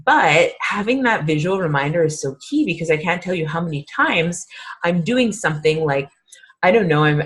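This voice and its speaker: A woman's voice: deep voice, husky. A woman in her thirties, a fitness coach, leading a casual, upbeat workshop talk with lots of fillers. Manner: chatty, upbeat, filler-heavy.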